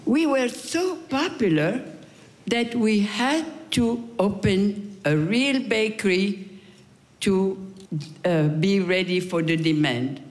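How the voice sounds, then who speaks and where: Older woman, 80s, from Morocco, live stage storyteller, unhurried, long theater reverb. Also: medium pitch. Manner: slow, deliberate telling with lively rises and falls.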